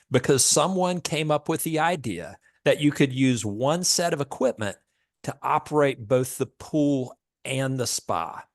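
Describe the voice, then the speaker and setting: A man's voice: medium pitch, no room sound, clean studio sound. A middle-aged man with a Southern US accent, presenting in a webinar in a folksy, joking storytelling manner. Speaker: product manager and presenter.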